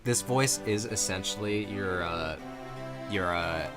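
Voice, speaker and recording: A man's voice: low-pitched, slow pace, music in the background. A man streaming a game play-through, chatting in a jokey, giggly, teasing way.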